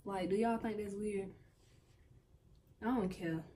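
A woman's voice: medium pitch, slow, mellow, slightly rough. A young woman in her late teens, chatting casually to her viewers at home in a slangy, direct way. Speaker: vlogger. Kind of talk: casual vlog chat.

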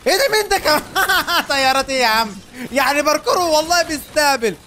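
A young man with an Egyptian Arabic accent chatters rapidly over his gameplay. His voice sits high, and he jokes and laughs constantly. A faint hiss of noise runs under the recording. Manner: animated, laughing, quick banter. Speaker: gaming YouTuber. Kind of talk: excited gameplay chat.

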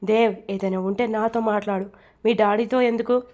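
A woman's voice: medium pitch, fairly even intonation, moderate pace, darkish tone, natural voice. A worried middle-aged mother, scolding and insistent as she argues with her son, voiced by a woman reading an audio story. Her voice sits in a middle register.

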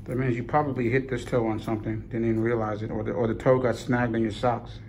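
Calm male podiatrist, plain explanations, noisy clinic room. Mid-pitched. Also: fast talker. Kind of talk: clinical exam talk with patient.

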